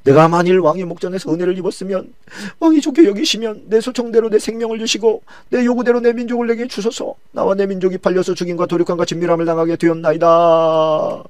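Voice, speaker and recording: A man's voice: high voice, fast, hardly any pauses, a little mellow, clear, resonant tone, no echo, pitched above the performer's own voice, natural voice. A man voicing a courageous young queen who pleads earnestly for her life and her people, in a dramatized Bible retelling. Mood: solemn pleading.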